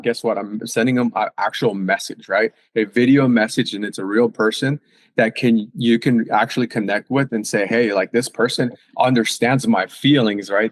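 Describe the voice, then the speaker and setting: On a casual podcast, a man working as a fitness and nutrition coach speaks in a mid-range voice, recorded with no room sound. He's informal and forceful, sprinkling his talk with fillers and repeated "right?" questions.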